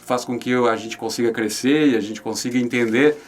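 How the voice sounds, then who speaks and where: A man's voice: mid-range voice, brisk, a little hiss or hum. A man with a southern Brazilian accent from Rio Grande do Sul, answering conversationally as an interview guest, repeating words and often seeking agreement with little tags. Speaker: interview guest, regional newspaper representative.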